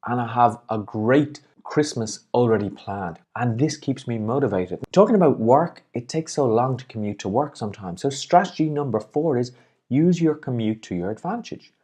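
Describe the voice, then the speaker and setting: A man's voice: mid-range voice, expressive, normal speed, mellow, slightly rough. A man hosting a motivational video as a life coach, talking in an upbeat, encouraging way and smiling as he speaks. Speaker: life and business coach, host.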